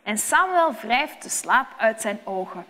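A woman tells a children's Bible story slowly and clearly, her voice lively and rising and falling. She sits fairly high in pitch. A long reverb hangs on every phrase, as if in a large hall. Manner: slow, clear, expressive storytelling.

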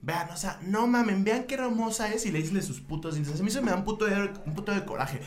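A man's voice: high-pitched, fast. A young man with a Mexican accent co-hosting a casual couple podcast, telling stories with lots of swearing and acted-out quotes. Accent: Mexican Spanish. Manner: animated storyteller, swears often, acts out quotes. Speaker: podcast co-host.

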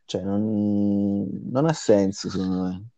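Low, mellow man hosting sports chat. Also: fairly even intonation, slow pace, no room sound, muffled recording. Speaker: host of a fantasy football discussion. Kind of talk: casual sports commentary chat.

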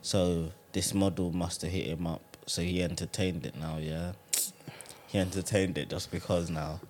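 A young man with a very low voice and a London roadman accent. He tells stories casually in slangy street talk, peppered with bruv and innit. There is some noise in the recording. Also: steady tone, moderate pace, darkish tone. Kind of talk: casual chat, storytelling.

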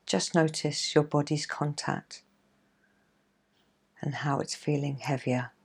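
Gentle woman guiding a relaxation exercise. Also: low voice, fairly even intonation, creaky, breathy edge. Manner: gentle, soothing, measured with pauses. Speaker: coach and podcast host. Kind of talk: guided relaxation instruction.

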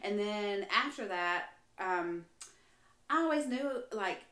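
A woman's voice: mid-range voice, expressive, takes it slowly, bright, forceful tone, roomy sound. A woman who is a guest on a faith podcast, telling her story in an earnest way, with frequent restarts and fillers.

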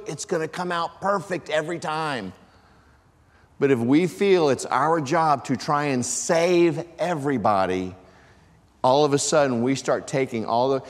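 A man preaching a sermon, his voice sitting a little high. He drives his points home with emphasis and sometimes breaks into shouts. His words ring out with a long reverb from a large church hall. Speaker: pastor.

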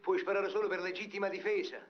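A man's voice: sits high, flat delivery, fast talker, natural voice. An actor playing a wily, sickly male crook who complains of his liver, cheeky and mock-polite, in a dubbed film comedy. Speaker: fugitive. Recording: lo-fi old film soundtrack.

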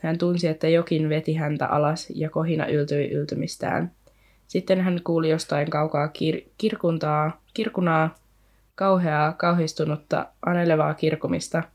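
A woman with a low, darkish voice and flat delivery co-hosts a podcast, casually retelling a book's story in a rambling way full of fillers. Now and then she reads passages aloud from the book.

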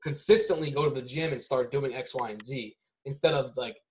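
A man's voice: medium pitch, a little fast, a little hiss or hum. A man talking casually on a podcast, rambling with many restarts and often ending lines with "right?".

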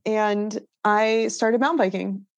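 A woman's voice: medium pitch, steady tone, slow pace, dry recording, highs cut off. A woman being interviewed, telling personal stories in an earnest, reflective way and laughing easily. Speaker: interview guest. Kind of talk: candid conversational storytelling.

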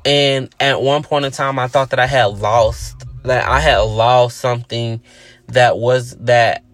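A man's voice: mid-range voice, steady tone, a little slow, fairly bright tone. A man hosting his own podcast, talking earnestly and reflectively in a casual, conversational way. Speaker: podcast host. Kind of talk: reflective solo podcast monologue.

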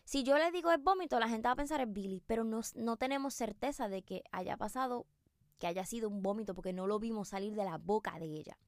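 Woman, podcast host, casual storytelling, chatty asides, somewhat high voice. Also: quick pace, no room sound, clean studio sound. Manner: chatty, animated, with many fillers and asides to listeners.

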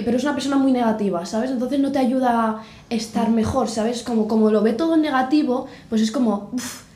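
A woman's voice: a little high, darkish tone. A woman in her twenties with a Spain Spanish accent, chatting casually on a podcast and trailing off into filler phrases. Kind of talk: casual chat. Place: podcast set. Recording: roomy podcast set.

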